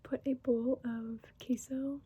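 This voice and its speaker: Whispering young woman, soft ASMR chat. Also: sits high, flat delivery, breathy edge, lo-fi sound. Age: 20s. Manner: whispered, unhurried and giggly. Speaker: ASMR creator.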